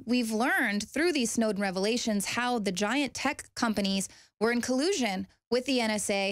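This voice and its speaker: A woman's voice: medium pitch, no room sound, clean studio sound. A woman presenting a news commentary segment in an eager, upbeat way.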